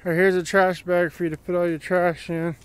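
A plainspoken man chats as he walks a wooded trail, filming on a handheld phone. His voice sits a bit high and stays level, with a clear, smooth tone. He rambles casually from one thought to the next. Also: flat delivery, brisk. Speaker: vlogger. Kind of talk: casual walking commentary. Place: wooded dirt trail outdoors. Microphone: handheld phone camera while walking.

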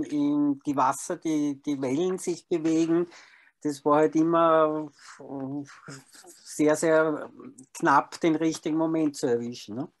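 A man explaining how he took a photograph, rambling with restarts. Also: a little high. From Austria. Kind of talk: casual discussion.

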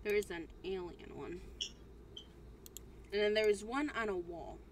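A woman's voice: a little slow, background noise. A young woman chatting casually while playing a video game, playful and talkative. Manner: chatty, playful, breaks into random squeaky voices. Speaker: gaming channel host. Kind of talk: casual gameplay chat.

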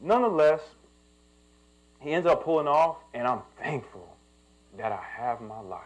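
A man's voice: on the high side, lively intonation, moderate pace, poor audio. A young man, a pastor telling a personal story in a sermon and building to emphatic preaching.

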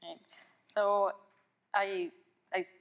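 A woman's voice: medium pitch, little pitch movement, takes it slowly, gravelly. A middle-aged woman from Israel speaking as an author in an onstage conversation, reflective and often restarting her sentences. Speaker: author and guest. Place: stage of an auditorium.

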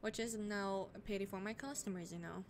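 A woman's voice: medium pitch, steady tone, brisk. A young woman streaming a game, chatting casually with lots of fillers and blunt swearing. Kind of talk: casual chat while gaming. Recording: noisy home stream mic.

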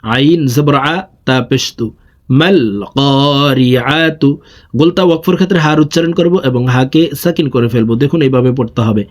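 A man with a Bangladeshi accent teaching Quran reading, spelling each letter and then drawing out the joined syllables, with quick plain explanations in between. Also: mid-range voice. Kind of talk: slow spelled-out recitation lesson.

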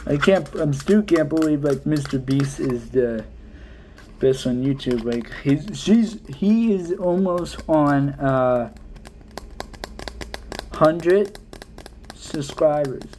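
A young man chatting casually and ramblingly as an ASMR video creator, in a halting way that trails off. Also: fairly high pitch, animated, darkish tone, slight background noise. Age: young adult. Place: living room at home.

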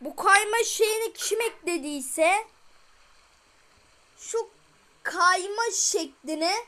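High-pitched frustrated girl gamer, noisy recording. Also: animated, takes it slowly. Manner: frustrated, exclaiming at the game. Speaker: gameplay streamer. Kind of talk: let's play commentary.

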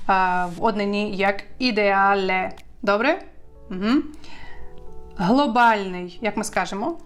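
A woman teaching an online language lesson, drilling words slowly and asking her learners questions. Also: mid-range voice.

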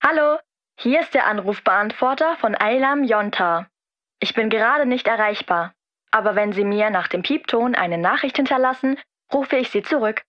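A woman's slightly high voice plays back as a recorded answering machine greeting. Her delivery is polite and formal. The sound is dull and lo-fi, like a small device. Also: normal speed. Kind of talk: scripted exam listening recording.

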